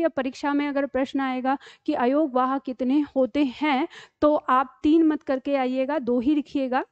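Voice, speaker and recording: Woman, grammar teacher, high voice, explanatory, checking in often, dry slightly dull recording. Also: a little mellow, dry recording. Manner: explanatory, checks in with repeated "ठीक है". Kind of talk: online grammar lesson.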